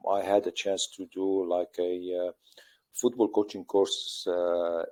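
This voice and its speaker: A middle-aged male football coach from Lebanon answers interview questions in halting English, with many pauses and fillers. His voice is low and a little mellow.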